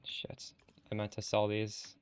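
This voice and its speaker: A man's voice: lowish voice, completely flat delivery, measured pace, clear, resonant tone. A man live-streaming a game, talking bluntly and with some exasperation as he answers chat, swearing casually.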